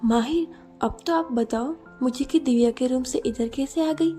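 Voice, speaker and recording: A woman's voice: sits high, normal speed, dark tone, faint music behind, close to an everyday voice. A woman voicing a shy, sulky young wife in a narrated storybook romance, pouting and playful.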